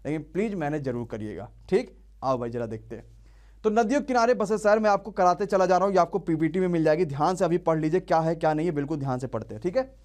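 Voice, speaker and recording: A man's voice: on the high side, expressive, quick pace, darkish tone. A young man teaching an online exam-prep class, quizzing students and drilling answers call-and-response style.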